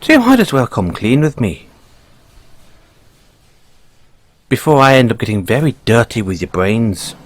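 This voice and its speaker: With an Irish accent and a mid-range voice whose pitch swoops wildly, a man plays a sly bunny mechanic who doubles as a mafia boss. In this intimate audio roleplay he's unhurried and teasing, coaxing with tag questions while hinting at a playful threat.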